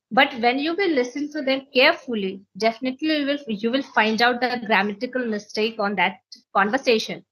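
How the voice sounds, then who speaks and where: Her voice sits on the high side, bright and forceful, though the recording is rough. An Indian-accented English teacher who grew up speaking Maithili, she gives earnest learning advice in an interview and repeats phrases for emphasis.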